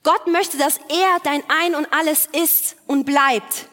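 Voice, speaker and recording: A woman delivers a sermon in a high voice, pressing each point with repetition and emphasis. Her words ring out with a long hall reverb behind them, as in a church sanctuary. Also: fairly even intonation, slow, pushed and bright. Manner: emphatic preaching with repeated phrases and occasional restarts. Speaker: preacher.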